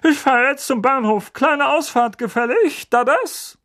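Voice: high voice, voice pushed up. A reader putting on a snarling bully of an uncle. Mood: gruff. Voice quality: snarling, barking. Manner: loud, menacing, drawn-out words. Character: fat bullying middle-aged uncle, blustering.

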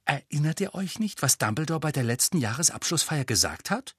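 A man reading an audiobook, voicing a clever, bossy teenage schoolgirl witch with a brisk, lecturing manner. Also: on the high side, sing-song, fairly bright tone, husky, dry recording, studio quality, voice pushed up, exaggerated voice. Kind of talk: audiobook character voice.

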